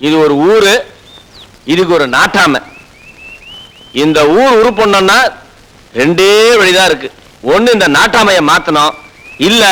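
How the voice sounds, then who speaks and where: A brash young villager. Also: male voice, high-pitched, sharp tone, slight background noise, rough recording. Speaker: young man returning to his village. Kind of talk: 1990s Tamil film comedy acting.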